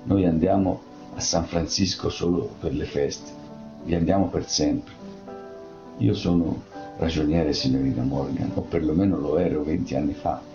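Man as a resigned old father, low gravelly voice, dull recording with faint music. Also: steady tone, moderate pace, reverberant. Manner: resigned, plain-spoken. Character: weary, humble old father, former bookkeeper.

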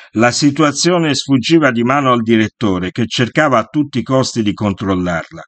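A man narrating a first-person memoir in a steady, measured storytelling voice. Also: mid-range voice, no echo.

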